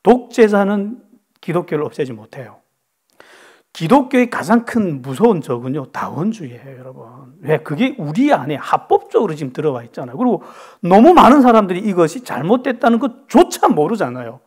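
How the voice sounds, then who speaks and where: A man preaching a sermon to his congregation, telling a story lively and asking many rhetorical questions. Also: high voice, brisk, slightly rough. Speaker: pastor.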